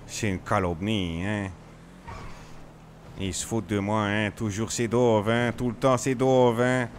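A man's voice: fairly low pitch, steady tone, a little slow, slight background noise, lightly acted. A streamer playing a touchy, grumbling man in an improvised role-play, tagging a questioning word onto nearly every phrase. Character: touchy, grumbling man who feels picked on.

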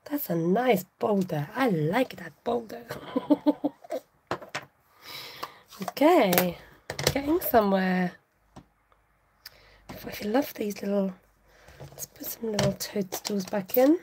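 A woman's voice: medium pitch, animated, slow pace, long pauses, background noise. A woman hosting a live craft tutorial, chatting casually to her viewers while she works.

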